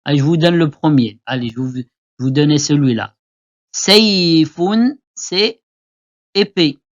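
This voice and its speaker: A man teaching Arabic letters to beginners, repeating each word slowly for learners to copy. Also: on the high side. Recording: dull lo-fi recording.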